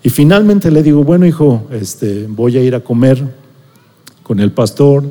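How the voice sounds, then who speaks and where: A man's voice: mid-range voice, a little slow, dark tone, long reverb tail. A middle-aged man with a Mexican accent, preaching a sermon as a conversational personal story and checking in with his listeners. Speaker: pastor or preacher.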